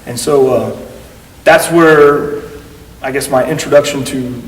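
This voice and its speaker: A medium-pitched American man, a guest wrestler, tells stories in a casual interview at a measured pace. He rambles, using plenty of fillers and acting out quotes. He's recorded from a distance in an echoey room, with faint noise in the background.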